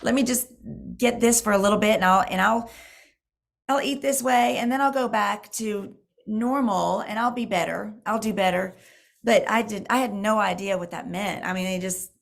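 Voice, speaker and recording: A middle-aged woman with a hoarse voice, chatting casually and haltingly as she hosts a Q&A, often restarting her sentences. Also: medium pitch. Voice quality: hoarse, creaky. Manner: rambling, halting, self-correcting. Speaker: diet program mentor and host. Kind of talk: casual live Q&A chat.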